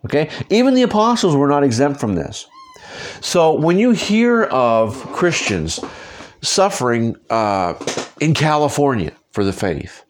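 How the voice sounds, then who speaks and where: Man teaching a casual Bible study podcast. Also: medium pitch. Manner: conversational, direct, asks listeners to follow along. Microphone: podcasting microphone.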